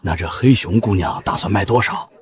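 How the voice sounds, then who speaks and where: A man voicing an eager, courteous middle-aged tavern keeper who deals politely and in a businesslike way, in an animated drama. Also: low voice, a little fast, voice pushed down, lightly acted. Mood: cautious.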